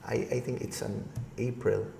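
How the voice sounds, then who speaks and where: A man's voice: fairly low pitch, little pitch movement, a little slow, creaky, dark tone, roomy sound, slight background noise. A middle-aged man, a guest being interviewed, telling a long personal story in a polite, rambling way with many restarts. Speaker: guest, agribusiness consultant.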